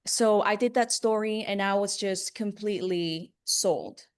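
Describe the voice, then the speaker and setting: A woman's voice: medium pitch, unhurried, clear, resonant tone. A woman telling personal stories as a journalist being interviewed, in an earnest, conversational way with emphasis on key words. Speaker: interview guest, broadcast journalist. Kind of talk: casual personal storytelling in an interview.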